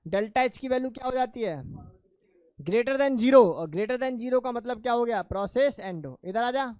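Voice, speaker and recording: A man's voice: very high voice, expressive, moderate pace, darkish tone, clean tone, no room sound. A male chemistry teacher lecturing in a classroom. He keeps asking his students questions, answers them himself, and calls them "beta".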